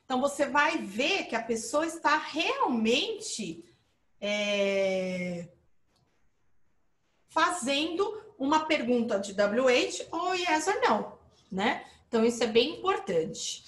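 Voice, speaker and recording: Lively woman teaching an English lesson. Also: high-pitched, slow pace, echoey room. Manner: lively, explains with rising and falling emphasis, checks in with viewers. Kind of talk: live online English lesson.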